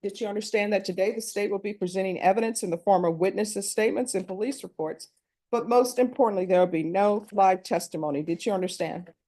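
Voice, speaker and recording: Courtroom recording: a woman judge with a mellow, dark voice and a brisk, formal delivery. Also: mid-range voice. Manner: brisk, formal, reads set questions. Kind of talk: formal plea admonishments.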